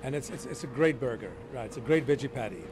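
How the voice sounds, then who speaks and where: A man's voice: medium pitch, expressive, quick pace, a crowd in the background. A man in his fifties, a restaurant owner, talking up his food with upbeat enthusiasm in a small restaurant. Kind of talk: casual interview. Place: small restaurant with street noise.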